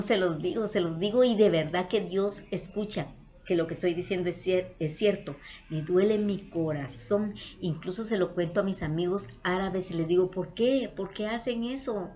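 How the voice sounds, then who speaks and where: A woman's voice: medium pitch, a little mellow. Earnest Guatemalan woman telling a story. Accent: Guatemalan Spanish. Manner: affectionate, earnest, repeats herself, addresses viewers as "my loves". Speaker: vlogger. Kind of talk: casual storytelling to viewers.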